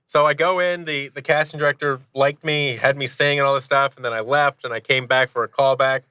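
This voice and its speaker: A man in his thirties, both audio drama producer and actor, swaps casual, self-deprecating stories with animated energy on a podcast. His mid-range voice is steady and sharp, a little fast, clean-toned, and dryly recorded.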